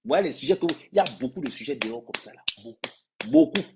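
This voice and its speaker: Very animated and quick, a man from Cameroon rants on a livestream as an influencer, berating his followers and pounding home phrases through repetition. His voice is fairly high and gravelly, and the recording is very noisy.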